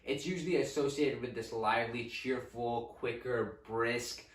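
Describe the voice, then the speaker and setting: A man's voice: medium pitch, unhurried, far from the mic. A young man co-hosting a music lesson, explaining casually and conversationally with fillers. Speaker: co-host music teacher. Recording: roomy echo, away from the mic.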